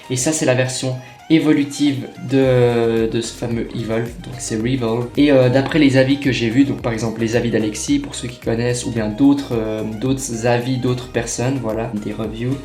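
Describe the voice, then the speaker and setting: A man's voice: mid-range voice, darkish tone. Young guy rambling about magic tricks at his table, lots of euh, roomy echo, faint music behind. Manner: chatty, many fillers and restarts. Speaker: magic unboxing vlogger. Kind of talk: casual unboxing chat. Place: room at a table. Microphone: camera on tripod.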